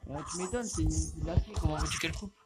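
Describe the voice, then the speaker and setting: A man's voice: a little high, quick pace. Young man rambling over a fighting game. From France. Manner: rambling, excitable, mutters to the game. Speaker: gaming youtuber. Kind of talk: casual gameplay commentary. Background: game music.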